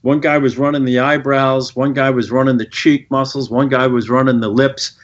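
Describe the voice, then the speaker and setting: A man telling stories as a guest in a podcast interview, animated and quick to swear. His voice sits at an ordinary pitch. The recording sounds dull and lo-fi. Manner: animated storytelling, swears freely. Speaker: film director guest.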